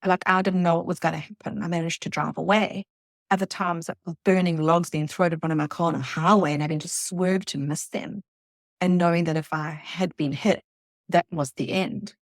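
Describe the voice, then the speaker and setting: A middle-aged woman from South Africa, a guest telling her story in an earnest, reflective way, halting at times. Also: lowish voice, fairly even intonation, no echo, studio quality. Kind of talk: emotional personal interview.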